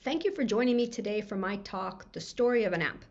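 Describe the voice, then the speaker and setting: An American woman giving a recorded conference talk, friendly and quick-talking, her voice scratchy from a cold. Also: medium pitch, lo-fi sound. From USA. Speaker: conference speaker. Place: home room lined with books.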